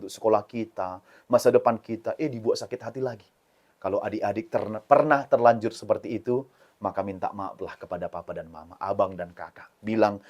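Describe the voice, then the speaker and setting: Man, children's sermon, animated, addresses kids directly. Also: fairly low pitch. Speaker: Sunday school preacher.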